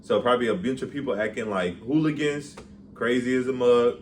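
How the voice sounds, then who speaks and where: A man's voice: mid-range voice, a little fast. A young man co-hosting a casual podcast, easygoing and slangy, recorded on a phone. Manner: easygoing, laughs along, slangy. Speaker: podcast co-host. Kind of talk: casual chat. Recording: faint ambient noise, phone mic.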